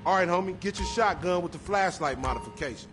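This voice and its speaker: A man's voice: high voice, lively intonation, quick pace, over music. An actor playing a brash young male gangster in a video game, talking in boastful, slangy banter. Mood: scheming.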